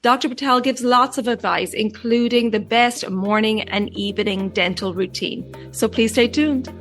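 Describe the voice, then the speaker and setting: A woman hosting a podcast, reading a measured introduction and then asking her guest questions. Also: fairly high pitch, steady tone, a bit bright, soft background music. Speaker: podcast host. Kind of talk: scripted podcast intro and interview.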